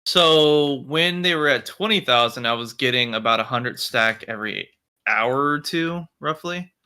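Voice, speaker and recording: A man's voice: mid-range voice, measured pace, pushed and bright, clean tone. A man co-hosting a casual gaming podcast who laughs easily and lays out his plans step by step. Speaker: podcast co-host.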